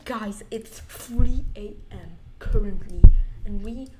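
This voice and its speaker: Young woman gaming, slow jumpy muttering, faint clicking behind. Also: medium pitch, noisy background. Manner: jumpy, muttering, shrieking at scares, whispered counting. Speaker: gamer. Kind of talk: let's play commentary.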